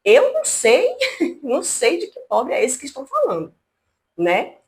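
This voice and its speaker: A woman from Brazil hosting a casual commentary vlog from her home, talking in an indignant, animated, chatty way. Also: high voice, normal speed. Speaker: channel host. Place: at home, not a studio.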